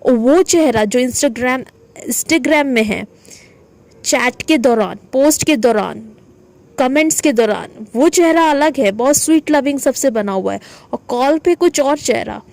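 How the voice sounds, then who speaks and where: A woman vlogger speaking to her viewers in an indignant, animated monologue, often restarting her sentences. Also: high voice, measured pace, vocal fry. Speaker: spiritual content creator.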